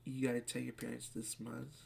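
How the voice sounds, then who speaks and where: Casually streaming live, a speaker in their late teens reads viewer questions aloud and answers with bursts of excitement. Expect a medium pitch, a fairly quick pace, vocal fry, and a little hiss or hum.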